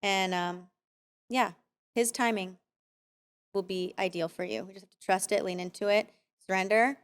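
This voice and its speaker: A woman in her thirties from Arizona, speaking as a podcast guest in a relaxed conversation. She is candid and reflective, and her talk keeps returning to faith. Her voice sits at an ordinary middle pitch. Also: normal speed, clean tone. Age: 30s. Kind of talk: casual conversation.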